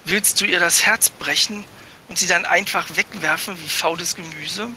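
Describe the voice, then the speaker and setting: Man doing icy stern mom figure, slow measured lines, bright voice, bit of rumble. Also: fairly even intonation, heavily acted. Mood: cold. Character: cool commanding mother, orphanage matron.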